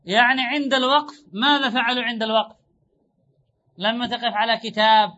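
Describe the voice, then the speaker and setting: A man teaching grammar in a classroom lecture, repeating his points, drawing out example words slowly and asking rhetorical questions. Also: very high-pitched, steady tone, bright, forceful tone. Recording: dull lo-fi recording.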